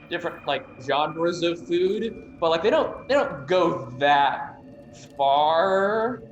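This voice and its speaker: A game master narrating a tabletop game in a mid-pitched voice, rambling and padding every line with fillers. The voice rings in an echoey room. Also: highs cut off.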